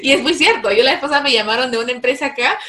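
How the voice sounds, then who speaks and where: A woman hosting a casual interview, lively and chatty, often acting out her own quoted reactions. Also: high-pitched, rapid-fire. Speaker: podcast host.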